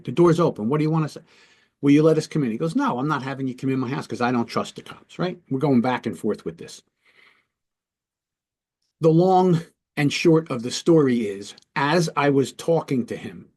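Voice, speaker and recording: A man's voice: medium pitch, a little mellow. A man, a police lieutenant and trainer, teaching through a story in a conversational way, often checking in with his listeners. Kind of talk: instructional storytelling talk.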